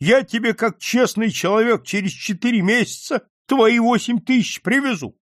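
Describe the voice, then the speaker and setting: A man's voice: very high voice, moderate pace, dry recording, clean studio sound, voice pushed up. A man reading an audiobook, voicing a desperate male merchant who begs and wails for mercy. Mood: pleading. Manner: wailing, begging.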